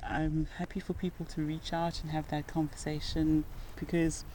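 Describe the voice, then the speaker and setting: A Zimbabwean-accented woman, a nurse and rock climber, appears as a guest in a podcast interview, speaking earnestly and reflectively and laughing now and then as she tells stories. Her voice is low and dark with a level tone at a moderate pace. The recording is low quality, with a little hiss or hum.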